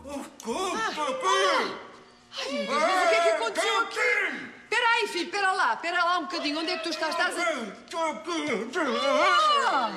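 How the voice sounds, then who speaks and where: A woman's voice: very high-pitched, expressive, moderate pace, long pauses. An actress playing a fussy, motherly middle-aged wife who speaks in a flustered, fussing way. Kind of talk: sitcom acting.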